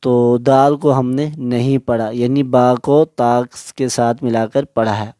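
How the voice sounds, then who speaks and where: Slow, mellow-voiced male Quran teacher. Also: medium pitch, fairly even intonation, clear, resonant tone, no echo, clean studio sound. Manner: slow, drawn-out spelling of letters and syllables. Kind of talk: Quran recitation lesson.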